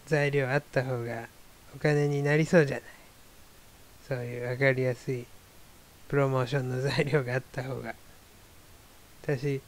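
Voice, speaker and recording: A man hosting his own talk show, musing in a wry, rambling, self-deprecating casual monologue. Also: mid-range voice. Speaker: solo talk show host.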